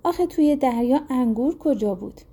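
A woman's voice: high voice, animated, warm tone. A woman voicing a worried poor fisherman. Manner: anxious, complaining.

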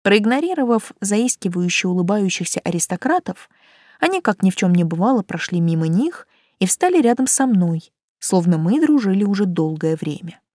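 Animated woman narrating an audiobook. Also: medium pitch, normal speed, no echo, clean studio sound. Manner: expressive, animated. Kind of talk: first-person audiobook narration.

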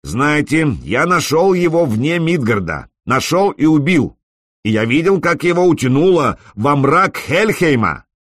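A man's voice: on the high side, big pitch swings, measured pace, no echo, studio quality, pitched above the performer's own voice, full character voice. A man voicing a brash young male warrior who mocks and commands his foes. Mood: proclaiming. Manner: taunting, proclaiming, loud.

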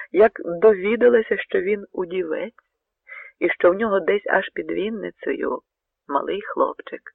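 A male storyteller reads a dramatic tale, dropping to hushed tones and then pressing hard on key words. His voice sits a little high for a man, with gravel and a husky edge. The sound is narrow and phone-like, close and dry. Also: dry recording. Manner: dramatic, swinging between hushed and emphatic. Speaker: narrator. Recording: narrow tinny radio recording, dry.

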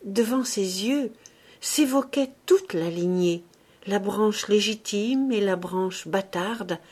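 Slow, measured female audiobook narrator. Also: lowish voice, darkish tone, husky. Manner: measured, grave storytelling. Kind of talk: scripted narration.

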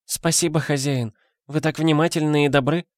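A man's voice: fairly high pitch, steady tone, moderate pace, no echo, clean studio sound, pitched above the performer's own voice, close to an everyday voice. A man voicing a sad, tearful painted little girl who whimpers and pleads meekly in a storybook reading. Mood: plaintive. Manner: whimpering, plaintive. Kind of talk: audiobook character voice.

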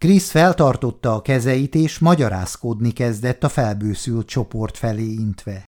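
An audiobook is read aloud by a man at medium pitch. He keeps to the script in a calm, measured, steady reading voice.

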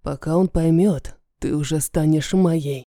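A woman voicing a cruel, mocking ancient male dragon lord who talks slowly and menacingly. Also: deep voice, dark tone, no room sound, clean studio sound, pitched below the performer's own voice. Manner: slow, sneering, menacing.

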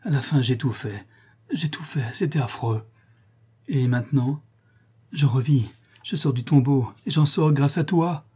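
A man's voice: medium pitch, a little slow, dark tone, husky, pitched above the performer's own voice. A man voicing a weakened young man in an audiobook, speaking faintly and fervently after nearly suffocating. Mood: weak.

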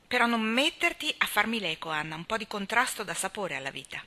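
A woman's voice: mid-range voice, sing-song, fairly quick, pushed and bright. A woman voicing a good-humored young male doctor teasing his wife.

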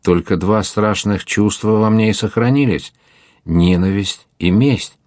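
A fierce, anguished young captain, as a man reads him aloud pours out his words in an impassioned, declamatory way. The voice sits very low and the sound is dry and close, like an audiobook. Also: measured pace, a little mellow, dry recording, lightly acted. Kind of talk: audiobook character reading.

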